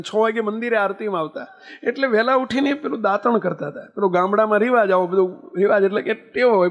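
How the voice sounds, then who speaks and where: Male preacher, high voice, devotional storytelling sermon, rhetorical questions. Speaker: spiritual leader giving a discourse.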